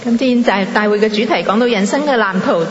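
A woman's voice: medium pitch, fast talker. A woman interpreting a sermon live, phrase by phrase. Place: large conference hall. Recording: muffled, echoey hall, audible congregation. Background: congregation noise.

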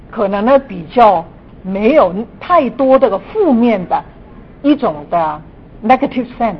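Woman with Cantonese-accented Mandarin, muffled noisy recording. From Guangdong, China. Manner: frequent sentence particles, mixes in English terms. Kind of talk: church teaching lecture. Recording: dull lo-fi room recording, audible noise, rumble.

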